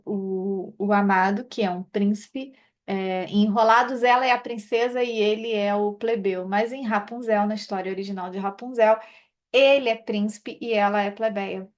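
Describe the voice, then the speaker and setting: Uma mulher com sotaque brasileiro, terapeuta, comentando um livro num tom de conversa, com muitas hesitações e recomeços. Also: female voice, mid-range voice, steady tone, unhurried. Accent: Brazilian Portuguese. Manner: hesitant, many fillers and restarts. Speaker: therapist reading and commenting on a book. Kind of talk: informal spoken commentary on a book chapter.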